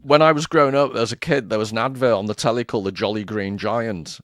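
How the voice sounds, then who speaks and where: A man's voice: fairly low pitch, quick pace, a bit bright, no room sound, clean studio sound. A man co-hosting a podcast, chatting casually in a playful, self-mocking way and laughing often. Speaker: podcast co-host. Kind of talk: casual conversation.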